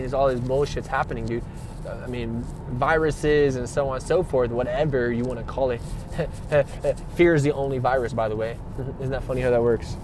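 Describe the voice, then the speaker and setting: A man with a mid-range voice delivers a rambling spiritual monologue, slangy and emphatic, full of repetition, free swearing and rhetorical questions. There is background noise behind him.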